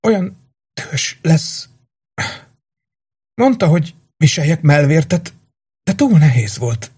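A man doing a dying young warrior woman in an audiobook, pitched well above his own husky voice. she pleads softly with her friend, tender and urgent. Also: big pitch swings, full character voice. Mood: pleading.

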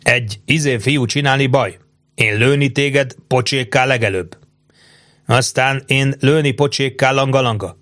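A man's voice: mid-range voice, fairly bright tone, close to an everyday voice. A man putting on a stern, domineering ship captain. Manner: slow, emphatic broken pidgin speech.

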